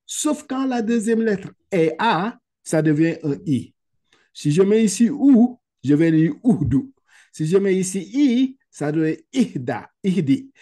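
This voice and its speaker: Man, Quran reading teacher, warm voice, patient step-by-step explaining, video call. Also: sits high, sing-song. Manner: slow, drawn-out recitation of Arabic words for repetition. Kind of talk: one-on-one lesson over video call.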